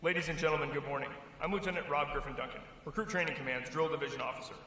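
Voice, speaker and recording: A man delivers a formal public-address welcome as a military host. He speaks quickly in a bright, forceful, slightly high voice. The sound is distant and heavily reverberant in a big hall. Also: steady tone. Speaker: military officer, ceremony host. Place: large indoor drill hall. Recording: echoey hall, distant, faint noise.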